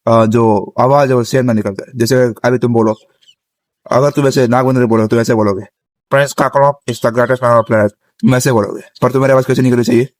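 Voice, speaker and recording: Sitting on the ground outdoors on a rooftop, a young man gives a casual spoken tutorial on vocal tips. His voice is medium-pitched and a little mellow, recorded dry, and he explains step by step while checking in with his listeners.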